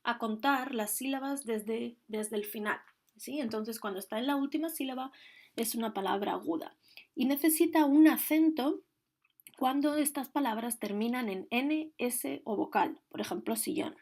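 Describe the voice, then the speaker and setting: A woman's voice: a little high, normal speed. A woman teaching a grammar lesson, explaining the rules patiently and carefully, one step at a time. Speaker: Spanish teacher.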